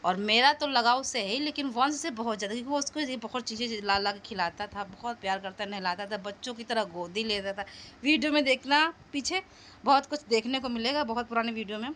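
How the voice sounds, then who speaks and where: A middle-aged woman talking casually at home in a vlog about her pet dog, calling to him now and then in a high coaxing voice. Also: brisk, a bit bright, slight background noise. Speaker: vlogger.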